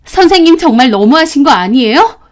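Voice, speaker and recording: A teenage girl student, upset and confronting an adult, played by a woman. She speaks in a raised, indignant voice pitched a little high. It is a storybook reading. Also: very animated, a little fast.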